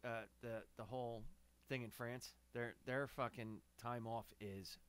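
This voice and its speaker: A man chiming in and teasing on a podcast in casual banter. His voice is middle-pitched. The recording is dry and close. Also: steady tone, a little slow, a bit bright, smooth, dry recording. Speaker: podcast co-host.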